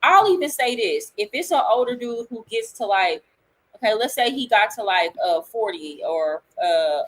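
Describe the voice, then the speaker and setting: A woman's voice: mid-range voice, low-quality recording. A woman hosting a live talk stream, speaking bluntly and laying out her opinions point by point. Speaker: livestream host.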